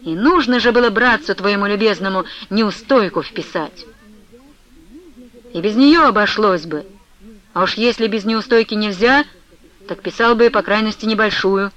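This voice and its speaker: A woman's voice: mid-range voice, moderate pace, fairly bright tone, muffled recording, natural voice. A woman reading an audiobook, voicing a cold, evasive young man who talks grudgingly. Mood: grumbling.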